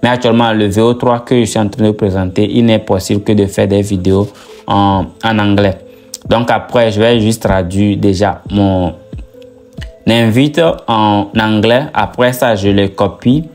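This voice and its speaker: Guy with a low voice doing a screen tutorial, lots of umms and voilàs, soft music behind. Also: steady tone, moderate pace. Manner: hesitant, many "donc, euh" and "voilà" fillers. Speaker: tutorial host. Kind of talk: screen-recorded software tutorial.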